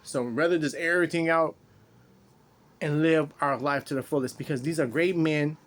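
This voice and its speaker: A man's voice: a little high, normal speed. A man hosting a veterans' podcast, talking casually and from the heart in a rambling way, often restarting phrases and swearing. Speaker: podcast host, military veteran. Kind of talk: casual heartfelt monologue to listeners.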